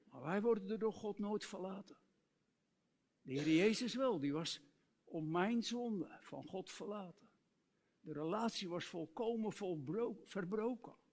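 A male preacher giving an earnest sermon, reciting hymn lyrics and dropping to soft, tender tones. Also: sits high, animated, a little slow.

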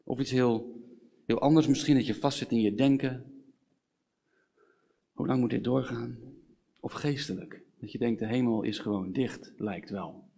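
A man's voice: mid-range voice, steady tone, unhurried, creaky, pauses often, warm tone, husky. A man gives a sermon in an informal, chatty way, full of fillers. His voice sits in the middle of the range and rises into earnest, pleading questions. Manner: informal, conversational preaching with fillers and rising pleas. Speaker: pastor.

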